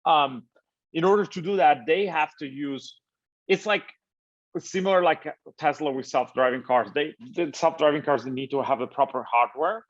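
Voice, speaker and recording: Italian-born man, halting interview answers. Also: a little high. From Italy. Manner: halting, many fillers and repeated words. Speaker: founder, interview guest. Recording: slightly dull, lo-fi audio.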